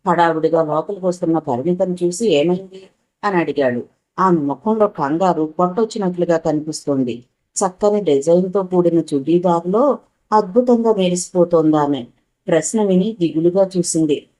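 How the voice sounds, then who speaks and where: Female storyteller, steady measured narration, low register. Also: low-quality recording.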